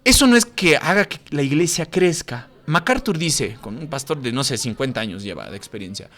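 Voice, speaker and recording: A man's voice: mid-range voice, animated, brisk, a bit bright. A man teaching a Bible class as a pastor, emphatic and scolding, full of rhetorical questions. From Mexico. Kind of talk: sermon-style Bible lesson.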